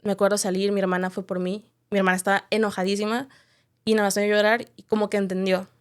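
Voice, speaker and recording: A woman's voice: mid-range voice, flat delivery, quick pace, clean tone. Candid woman telling her story. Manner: candid, reflective storytelling with frequent tag questions. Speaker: podcast guest. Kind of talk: personal testimony in a podcast interview.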